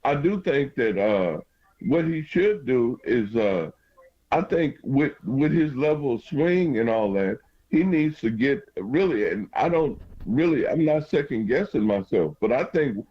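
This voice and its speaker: A man calling a sports radio show, giving opinions casually and haltingly, repeating and restarting his phrases. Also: medium pitch, big pitch swings. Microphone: phone call to radio show. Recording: band-limited phone line.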